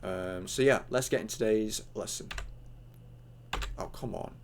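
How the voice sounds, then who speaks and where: A man's voice: lowish voice, unhurried, noisy background. A young man with hiccups giving a casual, rambling online tutorial, full of fillers and acted-out chat lines.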